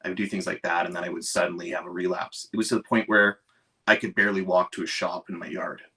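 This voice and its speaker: A man in his thirties from Canada, telling of a relapsing illness in an interview, measured and clearing his throat often. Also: low-pitched, level tone, sharp tone, recorded from a distance. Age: 30s.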